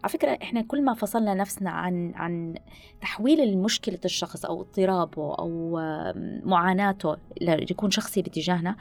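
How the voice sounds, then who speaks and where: Woman, podcast guest, rapid advice-giving, gravelly fry, faint music behind. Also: on the low side. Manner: animated advice-giving, mixes in English phrases. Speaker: guest speaker on listening skills. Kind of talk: podcast conversation.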